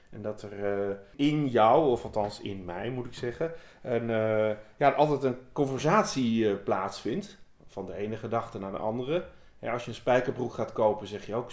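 A man, a guest poet, reading a poem aloud and then talking it through in a halting, thoughtful way, searching for his words. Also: medium pitch, a little mellow. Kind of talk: poetry reading and conversation. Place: indoor room. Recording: roomy echo.

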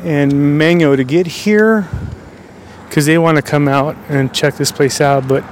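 A man's voice: a little high, fairly even intonation, unhurried, a little hiss or hum. Breathless man rambling outdoors at night. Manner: rambling, many fillers and restarts. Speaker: paranormal vlogger. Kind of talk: casual chat. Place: outdoors at night by a busy road.

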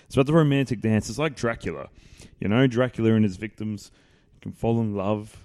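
A man's voice: on the low side, fairly quick, a little mellow, no echo, studio quality. A man hosting a podcast, chatting casually in a joking, playful, rambling way while he watches a film. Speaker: podcast host. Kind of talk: casual chat.

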